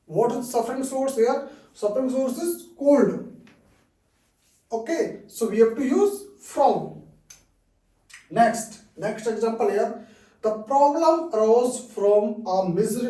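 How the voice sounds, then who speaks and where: A man with a high, mellow voice and an Indian accent teaches an English lesson, repeating key phrases and asking "okay" again and again. It's a slow, explanatory lesson from an English teacher, recorded on a distant mic with a roomy echo.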